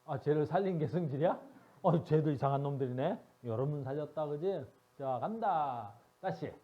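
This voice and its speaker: A man's voice: fairly high pitch, expressive, normal speed, muffled recording. A male science teacher giving a classroom lecture, teasing and constantly asking his students questions.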